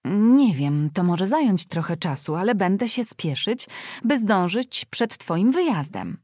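A woman reading aloud, voicing a fussy, scolding older aunt who talks in an excitable, bossy way. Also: medium pitch, measured pace, dry recording, studio quality.

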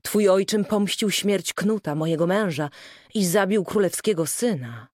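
A woman reading a devoted aunt who is tender yet urgent, giving blessings and warnings. The voice rises and falls in a lively way, recorded dry and close. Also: mid-range voice, measured pace, no room sound. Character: kindly aunt bringing urgent news.

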